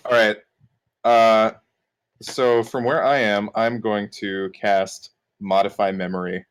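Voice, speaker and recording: A man's voice: on the low side, flat delivery, slow, clear, resonant tone. A man chatting casually as a player in a tabletop role-playing game, explaining his moves.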